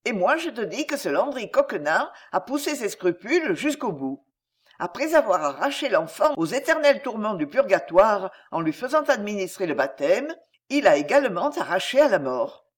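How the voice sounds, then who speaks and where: A woman's voice: sing-song, normal speed. Woman playing a jealous, menacing noblewoman. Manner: intense, low and cold, menacing. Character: fiercely jealous, passionate scheming noblewoman.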